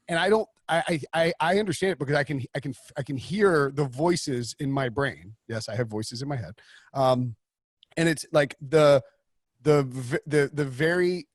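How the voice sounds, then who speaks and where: A man hosting a casual sports betting podcast, talking in an animated, rambling way with many restarts. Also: a little high, no room sound, studio quality. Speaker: podcast host.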